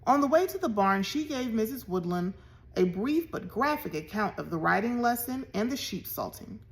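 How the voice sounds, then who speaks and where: Expressive woman reading a novel aloud. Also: fairly high pitch, normal speed. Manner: expressive storytelling. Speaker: reader.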